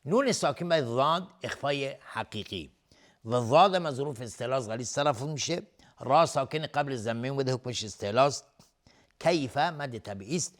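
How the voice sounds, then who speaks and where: A man teaching Quran recitation, talking through the rules at a medium pitch. He explains one point at a time in a steady teaching voice and breaks off now and then to chant a word slowly. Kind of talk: tajweed lesson with chanted recitation.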